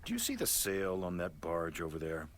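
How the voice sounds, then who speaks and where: An actor playing a gruff, sarcastic merchant sailor in a video game, speaking dryly. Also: male voice, deep voice, wildly swooping pitch, moderate pace, a little hiss or hum. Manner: dry, heavily sarcastic.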